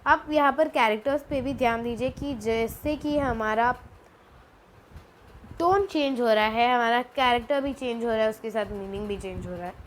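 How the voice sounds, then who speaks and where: A woman's voice: fairly high pitch, normal speed, poor audio. A woman teaching a Chinese language lesson, explaining patiently, slipping in English phrases and repeating syllables to demonstrate. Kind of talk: casual spoken lesson. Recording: faint background noise.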